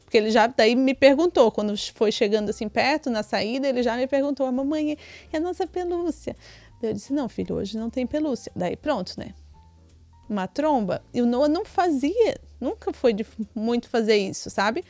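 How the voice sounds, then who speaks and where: A woman's voice: fairly high pitch, expressive, fairly quick, a little mellow, no echo, soft background music. A woman with a Brazilian Portuguese accent, a podcast co-host and mother, telling a family story in casual chat, often adding tag questions. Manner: chatty, many tag questions.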